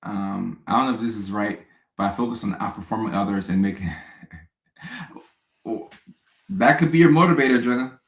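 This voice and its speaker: A man, hosting a casual live stream and answering viewer questions in a relaxed, chatty way with joking asides. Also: fairly low pitch, moderate pace, pauses often, roomy sound, low-quality recording.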